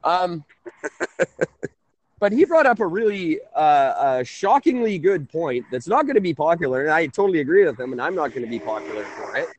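Late-thirties male host, rambling and animated, close dry mic. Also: a little high, moderate pace, dry recording. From Canada. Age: 30s. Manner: rambling, self-correcting. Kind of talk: casual call-in talk show.

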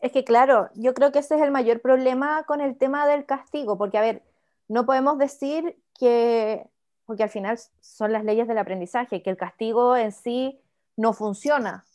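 High-voiced woman reasoning aloud. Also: moderate pace, darkish tone. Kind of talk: podcast discussion.

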